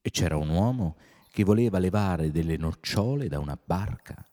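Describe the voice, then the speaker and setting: Deep-voiced male folk-tale narrator. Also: normal speed, background noise. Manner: lively, theatrical storytelling. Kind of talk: storytelling narration. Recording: loud music behind.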